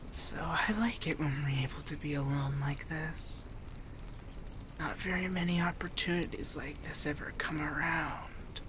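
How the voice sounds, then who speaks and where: This ASMR roleplay features a man as a teasing, affectionate femboy monster companion, delivered intimately in a breathy half-whisper. His pitch is fairly high, and the background is noisy.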